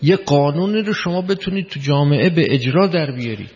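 A man's voice: fairly high pitch, animated, a little mellow. A man giving a spoken lecture, explaining step by step, repeating key words and putting questions to his listeners. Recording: long hall reverb, dull lo-fi sound.

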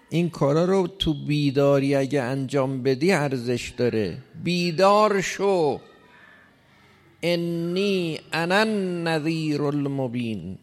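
A man preaching a sermon in an emphatic way, pushing hard on key lines. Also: mid-range voice. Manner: emphatic, rising to loud stresses. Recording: long hall reverb.

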